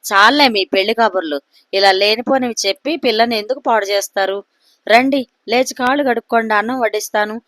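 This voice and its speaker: Storybook wife, snappish and scolding, louder than her plain reading, dry close sound by a woman narrator. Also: mid-range voice, normal speed, no echo, close to an everyday voice. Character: sharp-tongued, jealous adult wife.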